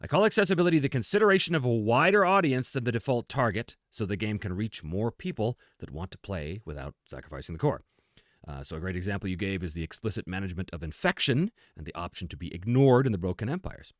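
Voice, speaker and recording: A man's voice: lowish voice, lively intonation, quick pace, dry recording, studio quality. A man hosting a casual talk on tabletop gaming and answering questions in an emphatic, conversational, self-deprecating way. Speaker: host, game designer and game master.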